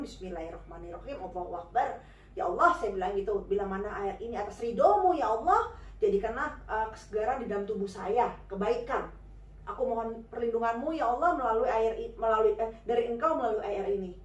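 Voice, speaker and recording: A woman's voice: fairly high pitch, echoey room, far from the mic, dull audio. A woman telling a personal story in a chatty, informal way, full of fillers and acted-out dialogue. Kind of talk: casual spoken storytelling.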